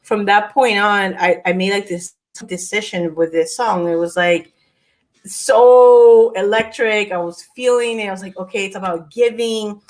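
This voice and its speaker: Here a woman from Peru, in her forties, recounts a personal story as co-host of a laid-back conversation recorded by video call. Her medium-pitched voice runs a little slow, and her delivery is animated, punctuated by laughter, fillers and restarts.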